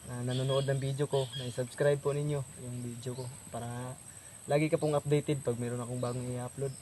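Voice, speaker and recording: A man's voice: medium pitch, level tone, fairly quick, mellow, a little hiss or hum. A man vlogging outdoors in a rural spot, greeting viewers in a friendly, casual way. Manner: friendly, addresses viewers as "tol". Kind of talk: casual outdoor vlog chat.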